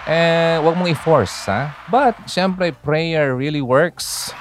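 A man's voice: a little high, takes it slowly, over music, crowd noise. A man hosting a radio talk, chatting casually about grief and faith, full of fillers and little "ha?" tags. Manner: chatty, code-switching, many fillers and "ha?" tags. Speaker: radio host.

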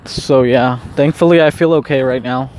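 A man talking casually to himself on a walk, high on weed, with a laid-back, repetitive stoner drawl. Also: fairly even intonation, moderate pace, darkish tone, a little hiss or hum. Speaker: vlogger recording an audio diary. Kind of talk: rambling casual solo chat. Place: outdoors, walking along.

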